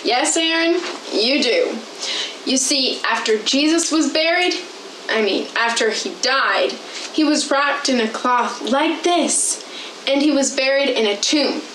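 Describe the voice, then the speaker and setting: A chipper talk show host with a high voice, speaking in a bright presenter's manner and growing earnest when she explains, played by a young woman. She is recorded through a camera mic on a small indoor set, with room echo and a faint hiss behind. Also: unhurried. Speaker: host in a skit. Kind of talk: church skit acting.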